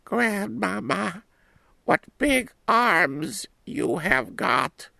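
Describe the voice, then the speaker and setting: A small, innocent storybook girl, put on by a man in a high, wide-eyed falsetto. She sounds close and dry, with a little grain beneath the high notes. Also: very animated, extremely slow, gravelly, bright, forceful tone, dry recording, full character voice. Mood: wondering.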